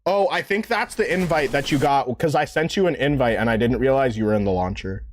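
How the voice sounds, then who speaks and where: Slightly fast and mid-range in voice, this twenty-eight-year-old New Yorker is chatting a bit tipsily on a gaming live stream. He wanders from point to point in slang, swears often, and uses "bro" all the time.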